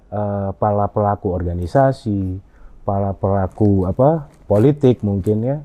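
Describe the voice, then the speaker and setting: A man answering interview questions in a halting way, with frequent fillers and restarts. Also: fairly low pitch, mellow. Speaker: interview guest. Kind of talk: conversational interview. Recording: dull lo-fi audio.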